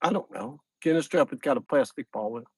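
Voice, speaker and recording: A man's voice: mid-range voice, fast, darkish tone, husky, no echo. A middle-aged man with a Louisiana accent hosts a casual fishing livestream outdoors at a lakeside camp, rambling, repeating himself and greeting viewers one by one. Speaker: fishing channel host.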